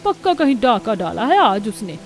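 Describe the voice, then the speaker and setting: A woman's voice: a little high, sing-song, normal speed, faint music behind. A woman voicing a spiteful, gossiping neighbor woman who taunts shrilly.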